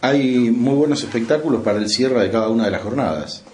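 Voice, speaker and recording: A man's voice: mid-range voice, fairly quick, a little mellow. A man with an Argentine accent, a radio interviewer giving polite, brief prompts. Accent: Argentine Spanish. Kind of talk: casual interview. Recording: echoey room, faint noise.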